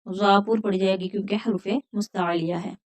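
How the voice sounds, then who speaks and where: A woman teaching a Quran recitation lesson, patiently explaining pronunciation rules step by step and repeating words slowly. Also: medium pitch, fairly even intonation, darkish tone. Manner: recites verses in a drawn-out chant.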